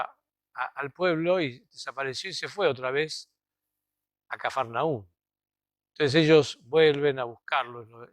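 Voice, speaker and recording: A man's voice: mid-range voice, no room sound. Argentine man preaching a reflective homily. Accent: Argentine Spanish. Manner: conversational, reflective, frequent checking tags like "¿no?" and "¿vieron?". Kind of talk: sermon. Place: cathedral.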